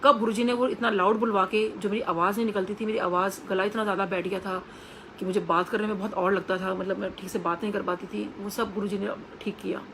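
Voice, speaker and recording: A woman's voice: medium pitch, steady tone, quick pace, a bit bright, slight background noise, poor audio. A woman telling an earnest personal testimony to a congregation, acting out the voices of the people she quotes. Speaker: devotee sharing a testimony.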